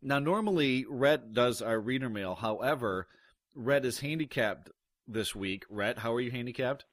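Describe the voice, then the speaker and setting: A man's voice: mid-range voice, moderate pace, a bit bright, no room sound, studio quality. A man hosting a podcast, chatting casually through the news with lots of restarts and fillers. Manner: rambling, many restarts and fillers. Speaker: podcast host.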